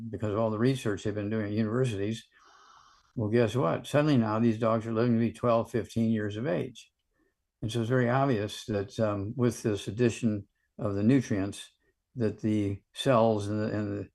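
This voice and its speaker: A man with a gravelly, creaky voice answers callers on a live show. He talks in a brisk, folksy way and cuts in to keep things moving. His pitch sits in the middle. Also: darkish tone. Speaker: call-in show expert. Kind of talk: live call-in advice.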